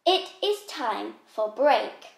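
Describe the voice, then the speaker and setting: Very slow, high-voiced woman playing a teacher. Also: sing-song. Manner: slow, clear and patient, with mock-strict outbursts. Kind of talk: playful scripted classroom skit for children. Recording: roomy echo.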